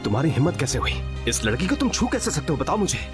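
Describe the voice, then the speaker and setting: Dub role: a confrontational, protective young man, animated. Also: fairly high pitch, quick pace, over loud music. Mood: angry. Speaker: dubbing actor. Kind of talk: Urdu dub of a TV drama.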